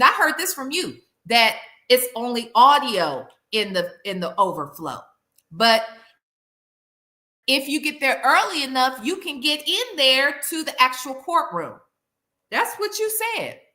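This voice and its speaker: A woman's voice: sits high, sing-song, unhurried, pushed and bright. A woman delivering a smug, sarcastic exposé to a live chat as host, mocking and incredulous, repeating phrases for emphasis. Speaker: YouTube content creator, host. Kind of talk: call-out commentary to a live chat.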